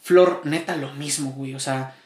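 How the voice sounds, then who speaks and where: A man's voice: medium pitch, fairly even intonation, moderate pace, darkish tone, reverberant. A man with a Mexican accent co-hosting a casual podcast chat, slangy and rambling, swearing freely. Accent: Mexican Spanish. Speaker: podcast co-host.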